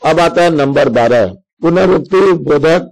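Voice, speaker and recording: A man's voice: a little high, measured pace, gravelly, darkish tone, rough recording. A male teacher explaining Hindi grammar to schoolchildren, reading examples out step by step in a patient way.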